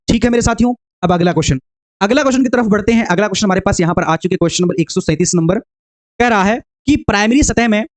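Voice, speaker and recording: Guy with a high voice going through exam questions, keeps asking stuff then answering it himself, calls everyone dear friends. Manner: explains step by step, asks rhetorical questions and answers them; addresses viewers as dear friends, repeats "okay" often. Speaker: teacher. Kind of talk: exam-prep lecture.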